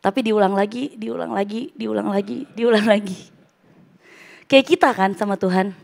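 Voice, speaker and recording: A woman's voice: mid-range voice, moderate pace, creaky, a little mellow. A middle-aged woman preacher giving a casual, conversational sermon and mixing English phrases into her speech.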